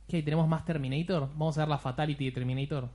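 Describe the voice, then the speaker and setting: A man's voice: on the high side, fairly even intonation, quick pace, a little mellow. A young man with an Argentine Spanish accent, joking and teasing his friends in casual chat, swearing freely. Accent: Rioplatense Spanish. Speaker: panelist.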